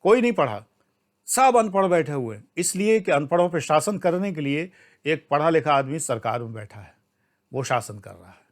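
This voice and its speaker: An older man from India teaching an online exam-prep class, lecturing emphatically and scolding, with loud outbursts and low asides. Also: big pitch swings, moderate pace. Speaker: civil services exam teacher.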